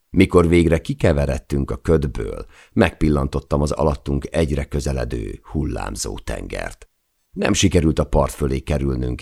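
A man reading a first-person adventure audiobook in a measured, steady narration. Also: a bass voice, creaky.

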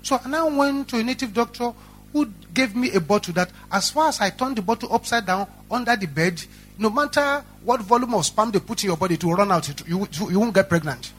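A man's voice: high-pitched, lively intonation, fairly quick, fairly bright tone, slight background noise, rough recording. A man voicing a frantic elderly father who exclaims and stammers in panic. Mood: confessing.

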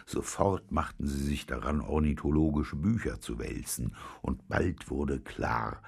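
Very deep, gravelly male storyteller. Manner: expressive storytelling, dry. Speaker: audiobook reader. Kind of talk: children's story reading.

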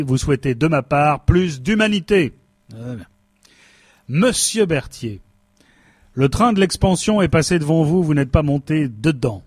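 A man's voice: medium pitch, darkish tone, husky, no echo, lightly acted. A man playing a cynical male company boss who fires his staff with smug sarcasm, in a stage comedy sketch. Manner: smug, sarcastic, coldly dismissive.

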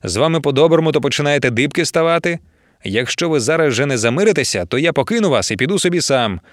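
A man's voice: a little high, animated, fast talker, no echo, clean studio sound, pitched above the performer's own voice, lightly acted. A man voicing a genial, good-humored round adventurer in an audiobook. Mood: stern.

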